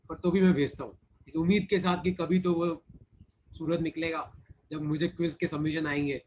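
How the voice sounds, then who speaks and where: A man's voice: fairly high pitch, a little mellow, a little hiss or hum. A man teaching physics in an online class, explaining step by step, repeating key points and teasing his students.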